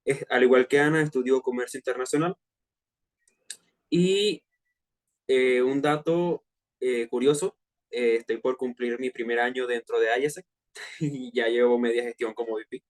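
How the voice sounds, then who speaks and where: A young Venezuelan man in his twenties, speaking with a Venezuelan Spanish accent, leads a casual online personal finance workshop for fellow students. His pitch is ordinary and mid-range, and he talks a little slowly with frequent pauses. His manner is relaxed and chatty, full of hesitant fillers and slang.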